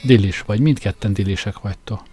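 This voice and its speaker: A man's voice: on the low side, mellow, faint music behind, natural voice. A man voicing a frightened, angry younger boy who speaks in a sulky, defiant way.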